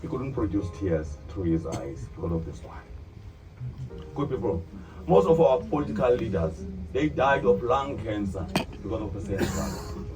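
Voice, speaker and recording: With music in the background, a South African man who speaks English as a second language guides a bus tour in a fairly low, sing-song voice at normal speed. He calls the group "good people" while asking them questions. The recording sounds tinny and distant, PA-like, with heavy vehicle noise.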